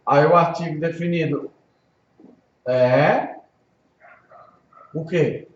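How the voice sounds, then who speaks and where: A man's voice: a little high, extremely slow. A Brazilian man, a pastor, gives an informal Hebrew lesson, patiently repeating pronunciations and checking understanding. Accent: Brazilian Portuguese. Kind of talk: informal one-on-one language lesson. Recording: echoey room, dull lo-fi audio, faint noise.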